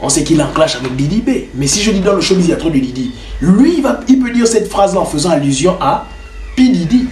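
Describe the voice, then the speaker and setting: A young man talks through his music-making process in a casual, rambling way. His voice sits fairly high. The bedroom adds a noticeable roomy echo. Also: animated, fast talker, darkish tone. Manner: loose and chatty, many fillers like "genre". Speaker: home music producer and rapper. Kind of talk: casual tutorial talk to camera.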